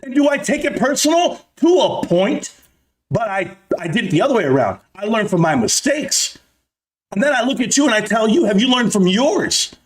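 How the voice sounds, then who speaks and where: A man with a notably high voice launches into an escalating comedic rant. He speaks as an online video commentator, addressing his targets directly. His delivery is combative and emphatic, full of taunts and swearing. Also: very animated, moderate pace.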